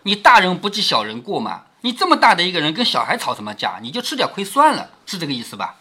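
A man retells a classic novel and stops to explain it, often posing rhetorical questions. His voice is bright and slightly husky. His pitch moves very expressively. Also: huge pitch swings, fast talker. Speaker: narrator and commentator reading a classic novel. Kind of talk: storytelling with commentary.

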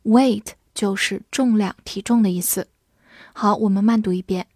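A woman teaching English vocabulary, spelling words letter by letter and repeating example sentences slowly. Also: medium pitch, steady tone, darkish tone, husky, no echo, clean studio sound. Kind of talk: vocabulary lesson with spelling and slow read-alongs.

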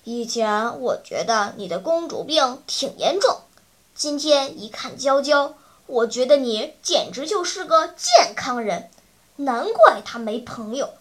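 A woman's voice: high-pitched, animated, unhurried. A woman voicing a chubby, blunt boy who mocks a spoiled girl. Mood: mocking. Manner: mocking, exasperated.

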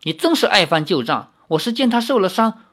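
A man voicing a brash, playful young swordsman in a read-aloud novel, raised high and cheeky. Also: big pitch swings, moderate pace. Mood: eager.

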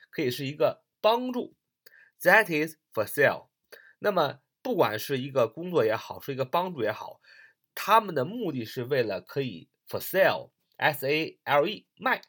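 A man's voice: fairly high pitch, a bit bright. A man from northern China teaching an English reading lesson in Chinese, repeating phrases and spelling words out letter by letter, with many filler particles.

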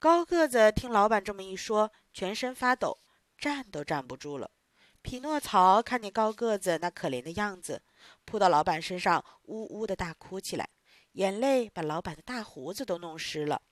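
A woman narrating a children's story in an expressive, sing-song storytelling manner. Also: mid-range voice, moderate pace, dry recording, clean studio sound.

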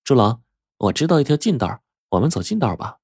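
A man's voice: mid-range voice, big pitch swings, brisk, vocal fry, darkish tone, husky, no room sound, clean studio sound, voice pushed up, exaggerated voice. A man voicing a willful, bossy young woman from a rich family in a told story. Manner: bossy and playful.

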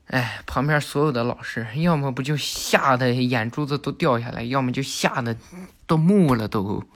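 A man's voice: mid-range voice, moderate pace, slight background noise. A man retells an anime episode in a loose, chatty way. He jokes, stops to correct his slips, and strings the plot along with filler asides. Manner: chatty, joking, self-correcting. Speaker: storyteller.

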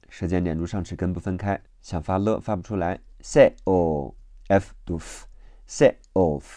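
A man from China teaching English vocabulary in a phonics lesson, spelling each word slowly letter by letter and repeating it. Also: sits low, dark tone, no echo. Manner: slow, deliberate letter-by-letter spelling and repetition.

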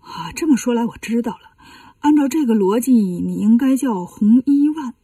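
A woman's voice: on the high side, lively intonation, moderate pace, mellow, slightly rough, no echo, far from the mic. A woman doing a stern, fussy old monk master. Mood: coaxing.

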